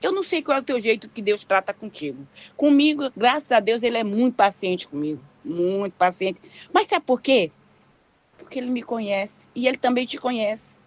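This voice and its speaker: A woman's voice: on the high side, animated, moderate pace. An older woman with a Brazilian Portuguese accent preaching an informal sermon, chatty and full of rhetorical questions. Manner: conversational, leans on rhetorical questions and tag questions.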